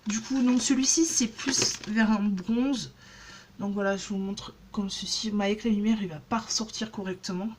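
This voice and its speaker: A woman's voice: mid-range voice, steady tone, moderate pace. A woman in her thirties chatting casually in a haul vlog, rambling with many fillers and restarts. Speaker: beauty vlogger.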